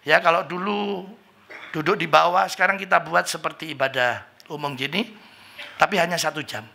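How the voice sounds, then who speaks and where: A man preaching a sermon as pastor, telling lively stories and acting out the voices of people in them. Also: on the high side, moderate pace, gravelly. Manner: lively storytelling, acts out voices of people in anecdotes.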